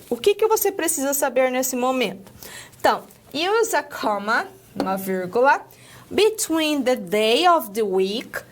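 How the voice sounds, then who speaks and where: Brazilian woman, high voice, patient English teacher with lots of "ok?" check-ins. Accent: Brazilian Portuguese. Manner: explains step by step with many "ok?" checks. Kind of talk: recorded lesson.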